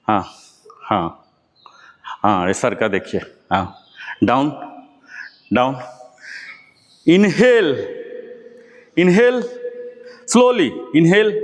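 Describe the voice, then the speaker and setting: A man leading a live yoga class, encouraging his students and calling out each breath and pose. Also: fairly high pitch. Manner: encouraging, calls out breaths and poses. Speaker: yoga instructor. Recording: long hall reverb.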